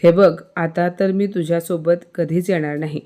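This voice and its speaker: A woman's voice: on the low side, steady tone, moderate pace, dark tone, lightly acted. Woman doing a stubborn, indignant young wife.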